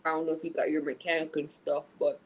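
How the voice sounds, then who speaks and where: A man's voice: a little high, little pitch movement, quick pace, husky, poor audio. A man in a casual vlog chat, talking bluntly and in a laid-back way while chewing food, swearing freely. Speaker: vlogger.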